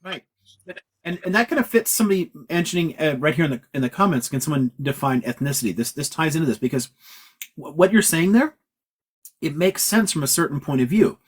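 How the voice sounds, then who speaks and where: A man's voice: on the high side, lively intonation, brisk, slightly rough. A man from California, a professor hosting a livestream Q&A, explaining ideas emphatically in a lecturing way and swearing casually. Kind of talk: livestream lecture-style chat.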